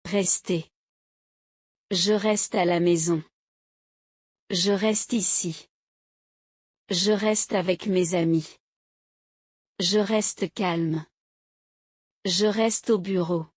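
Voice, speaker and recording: A woman slowly reading short example sentences aloud as a language teacher, each one clearly articulated in a steady drill. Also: lowish voice, no room sound, clean studio sound. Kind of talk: slow, carefully paced reading of example sentences.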